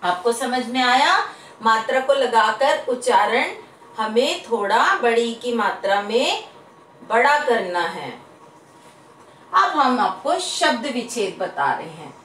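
Slow sing-song woman teacher, echoey room. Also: a little high, animated, fairly bright tone, far from the mic, slight background noise. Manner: drawn-out sing-song word drills, asks questions to pupils. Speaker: primary school teacher. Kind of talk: slow classroom lesson for children.

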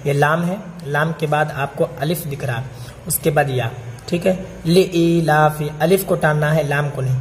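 A man teaching Quran recitation, chanting each verse slowly and then explaining pronunciation quickly, often checking with "theek hai?". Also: a little high, big-room sound, faint music behind.

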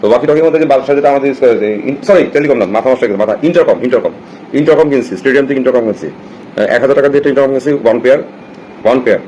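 A man with a Bangladeshi Bengali accent, chatting casually on a live stream and telling personal stories. His talk wanders, with frequent restarts and switches into English. He speaks at an ordinary, middle pitch for a man. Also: very fast, mellow, dull audio, a little hiss or hum. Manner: rambling and anecdotal, restarts often, slips into English. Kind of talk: casual storytelling chat.

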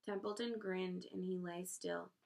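A woman reading a children's novel aloud with expressive storytelling. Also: lowish voice, measured pace, creaky. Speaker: reader.

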